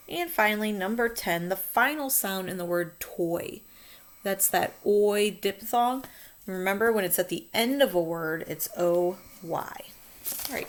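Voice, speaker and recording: Drawing out each letter sound, a woman with a medium-pitched voice uses a sing-song teacher tone in a phonics lesson she's recording for young children.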